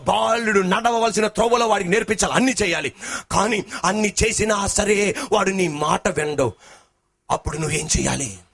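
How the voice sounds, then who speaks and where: Pastor guy preaching loud, gravelly high voice, gets the crowd to repeat after him. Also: normal speed. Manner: shouting and sing-song preaching, calls for responses. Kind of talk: sermon.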